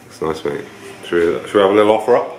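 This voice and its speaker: A man's voice: low-pitched, fast, a little mellow. A British man in his thirties chatting casually and swearing freely as co-host of a car vlog. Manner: blokey, sweary banter. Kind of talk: casual chat. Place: stone-walled garage workshop with tin roof, indoors. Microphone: camera mic at arm's length or nearby. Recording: echoey workshop with faint noise.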